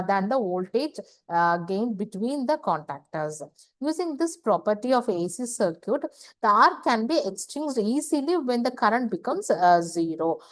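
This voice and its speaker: A woman engineering lecturer explains technical material over slides, speaking in a fairly high, dry-sounding voice with no echo. Her delivery is halting and repetitive, and she poses questions and then answers them herself.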